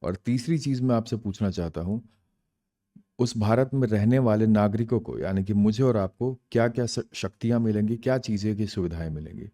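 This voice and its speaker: Low mellow-voiced male teacher. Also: moderate pace. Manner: explains terms in Hindi and English, asks and answers own questions. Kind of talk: exam-prep lecture.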